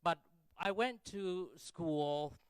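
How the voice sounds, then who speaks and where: Keynote speaker: middle-aged man, Thai accent, slightly high clean voice, informal and self-deprecating delivery. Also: drawn-out words, clear, resonant tone, no echo. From Thailand. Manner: self-deprecating, checks in with listeners using rhetorical questions. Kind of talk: conference keynote speech, conversational and informal.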